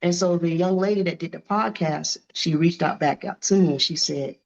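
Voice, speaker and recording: A woman in her fifties, a boxer being interviewed, telling stories in a lively, animated way and acting out what people said. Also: on the low side, normal speed, gravelly, lo-fi sound. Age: 50s. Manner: animated, acts out quoted dialogue. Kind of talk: casual interview storytelling.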